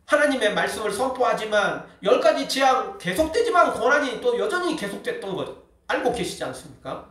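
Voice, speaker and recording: A man's voice: high-pitched, a bit bright. A male pastor preaching a sermon with emphasis, often dropping a short "yes" between phrases. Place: church sanctuary. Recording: very echoey hall, distant mic.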